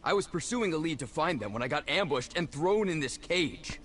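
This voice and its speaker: An actor playing an indignant, earnest imperial army officer held captive, in fantasy video game dialogue. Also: male voice, on the high side, lively intonation, normal speed, a bit bright. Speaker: game character.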